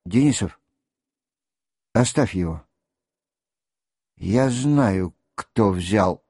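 A man's voice: lively intonation, darkish tone, breathy edge, no echo, clean studio sound, full character voice. A man voicing a shaken young cadet. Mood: tense, trembling. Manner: low, strained, halting. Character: young male cadet, tense, trembling voice.

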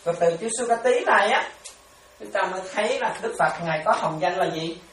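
A man, a monk, giving a chatty, animated dharma sermon full of stories and repetitions. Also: sits high, fairly quick. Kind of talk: sermon with storytelling. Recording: echoey, distant mic, faint noise.

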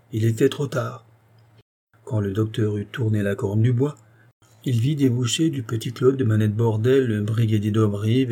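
A man reading a classic story aloud as an audiobook narrator, in a measured storytelling manner. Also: lowish voice, dark tone. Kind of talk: scripted narration.

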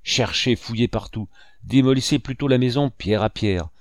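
A man's voice: medium pitch, normal speed, no room sound, clean studio sound, natural voice. A man voicing a vicious blind old male pirate who snarls and barks orders at his gang. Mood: raging.

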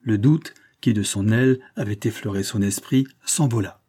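A man narrating a classic novel as an audiobook, in a measured, dramatic reading. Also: on the low side, dark tone. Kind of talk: scripted narration.

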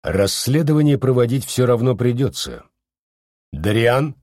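A man voicing a quiet, controlled male consul who leads an alliance in an audiobook. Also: mid-range voice, very animated, unhurried, dry recording, studio quality. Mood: weary. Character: quietly menacing middle-aged male alliance leader.

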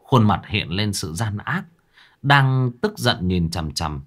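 A man narrating a ghost story in a dramatic, expressive way. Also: lowish voice, slow pace. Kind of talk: scripted narration.

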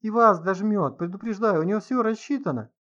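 A man reading an audiobook, voicing a bitter, cornered young man who talks in a shrill, spiteful way. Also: animated, a little fast, a bit bright, highs cut off.

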